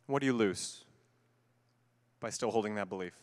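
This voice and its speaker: A man giving a conference keynote talk, animated and conversational with playful asides to a live audience. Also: fairly low pitch, normal speed, big-room sound. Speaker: keynote speaker. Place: large conference hall before an audience.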